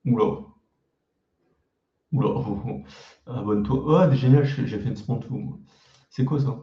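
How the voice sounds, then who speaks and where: A man's voice: mid-range voice, measured pace, echoey room, muffled recording. A man casually reacting to his own old videos, mocking them with crude slang and self-deprecating jokes.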